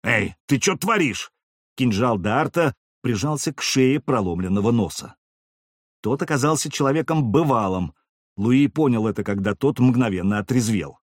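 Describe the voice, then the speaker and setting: A man reading a novel aloud as a narrator with expressive, lively storytelling. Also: mid-range voice, moderate pace, no room sound, clean studio sound. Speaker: audiobook narrator. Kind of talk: scripted narration.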